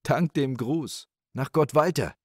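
A man voicing a humble, sly old wanderer in a spoken fairy tale, mild and gentle. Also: mid-range voice, slow, dry recording, studio quality, pitched above the performer's own voice.

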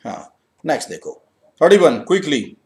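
An exam-prep English teacher with an Indian accent runs a live online grammar class, switching between Hindi and English. His slightly high voice is energetic and coaxing as he reads sentences slowly and murmurs to himself while checking answers.

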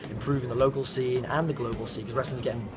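A man's voice: medium pitch, steady tone, quick pace. A man in his twenties from Wales, a professional wrestler giving a casual promotional interview to camera. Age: 20s. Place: indoor community centre room. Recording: loud music bed under speech.

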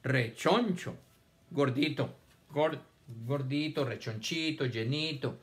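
A man's voice: medium pitch, takes it slowly, fairly bright tone. A man teaching a children's reading lesson, patiently stretching out words syllable by syllable. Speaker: primary school teacher. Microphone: camera on a stand.

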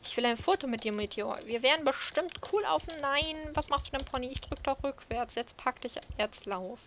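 A woman's voice: sits high, lively intonation, moderate pace, a bit bright, a little hiss or hum. A woman giving casual, playful commentary while she plays a horse-riding game, talking to herself. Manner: chatty self-talk, playful. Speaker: let's play host.

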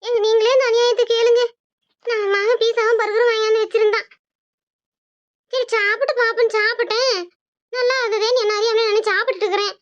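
Voice artist doing a shrill old cartoon granny, greedy, whining, self-pitying, sharp-tongued, dull lo-fi sound. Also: brisk, pauses often. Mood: tearful complaint. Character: greedy old grandmother, a whiny mother-in-law. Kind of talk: Tamil cartoon dubbing.

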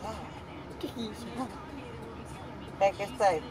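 A woman's voice: medium pitch, animated, very slow, far from the mic, crowd noise. A young woman, groggy and loopy after wisdom teeth surgery, chatting in a blunt, sassy way. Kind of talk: casual chat. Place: inside a car, camera at close range. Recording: noisy moving car interior.

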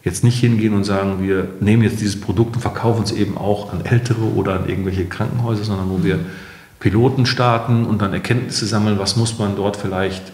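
A middle-aged man, appearing as a company founder on a podcast, answers interview questions while hunting for words and correcting himself. His voice is lowish and darkish in tone, with fairly even intonation and a brisk delivery. The interview room sounds roomy and echoey.

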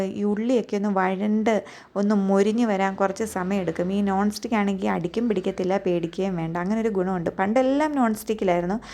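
A young adult woman with a Keralite Malayalam accent narrates a home cooking video as a voice-over recorded on its own. Her voice sits at a middling pitch. She talks in an easy, chatty way and keeps inviting viewers to share their own experiences. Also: darkish tone. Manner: chatty, tags many sentences with a friendly aside, asks viewers to share. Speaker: cooking vlogger. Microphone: voice-over recorded separately.

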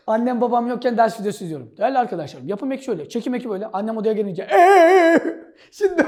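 A man teaching a Turkish exam-prep lesson, jokey and playful, calling students "brother" and shouting now and then for fun. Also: sits high. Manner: playful and jokey, breaks into shouts and sound effects; addresses students as "kardeş". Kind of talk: energetic video lesson solving exam questions.

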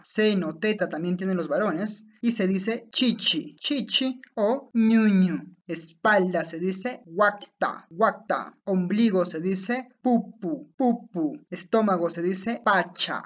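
A woman teaching vocabulary, saying each word and then repeating it slowly and carefully. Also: medium pitch. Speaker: language teacher. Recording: dull lo-fi audio.

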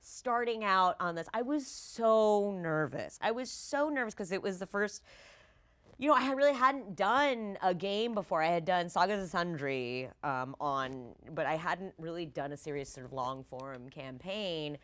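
A woman in her thirties, a tabletop game player, appears as a guest on a gaming discussion show filmed on a TV-style studio set. Her voice sits on the low side and she talks unhurriedly, chatting casually in a rambling, animated way full of "like" and "you know."

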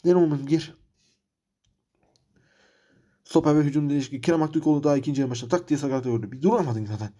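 A man's voice: on the high side, fast, pauses often, warm tone. A man commentating his football manager game career, frustrated and ranting, repeating himself. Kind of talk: let's-play commentary.

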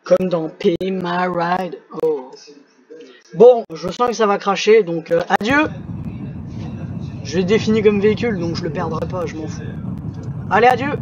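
A man doing excitable, swearing commentary while playing a driving game, shouting at the screen. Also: high voice, normal speed, long pauses, muffled recording, a crowd in the background. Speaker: gaming video creator. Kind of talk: live gameplay commentary. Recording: loud car game sounds under the voice. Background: revving engines and crashes from the game.

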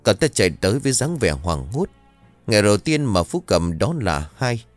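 A man reading a scripted ghost story aloud in a dramatic, expressive way. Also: lowish voice, fairly quick, no room sound, faint music behind.

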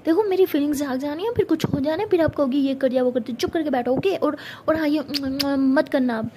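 A woman's voice: high voice, fast talker, noisy background, close to an everyday voice. A woman voicing a feisty young female college student who complains and bickers in a pouty tone.

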